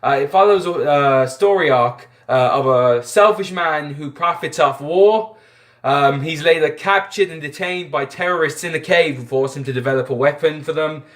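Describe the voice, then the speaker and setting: A young man from Ireland chats through a film retrospective for his channel. His voice sits a little high, and he stumbles and restarts often, padding his talk with fillers. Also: normal speed, fairly bright tone. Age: young adult. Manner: chatty, lots of fillers and restarts. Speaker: film vlogger.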